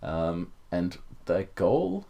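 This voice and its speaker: A young man with a low, gravelly voice co-hosts a casual gaming podcast. He talks loosely, laughs often and drops fillers between thoughts. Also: sing-song, drawn-out words, mellow. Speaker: podcast co-host.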